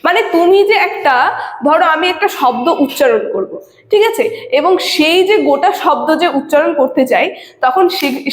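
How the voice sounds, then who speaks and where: A woman with a high voice teaches a lesson, taking it step by step and pausing to check that students follow. The sound is roomy with a long reverb, as if recorded in a bare classroom. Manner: explains step by step, often checks in with 'okay'. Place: classroom with a board. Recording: echoey room with long reverb.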